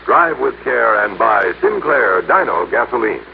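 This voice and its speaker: A man's voice: on the low side, sing-song, a little slow, gravelly, narrow, tinny audio. An American man reading scripted copy as a 1960s network radio announcer. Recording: old, band-limited, hissy radio recording.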